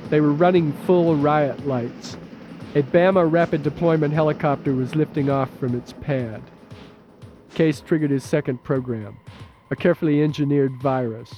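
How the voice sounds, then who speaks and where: A man narrating an audiobook in a measured, steady, low-key way. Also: muffled recording, faint music behind. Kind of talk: scripted narration.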